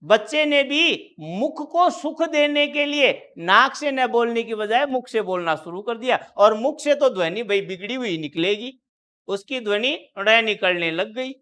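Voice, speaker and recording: A man's voice: extremely high pitch, lively intonation, a little slow, bright, forceful tone, smooth. A man teaching Hindi grammar in a classroom lecture. He explains step by step, keeps quizzing the students with repeated questions, and draws out syllables when he sounds out example words.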